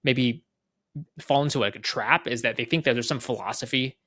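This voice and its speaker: A head of product appears as an interview guest, explaining things casually while thinking aloud and frequently checking in with "right?". His voice is medium-pitched and sharp in tone, at a moderate pace.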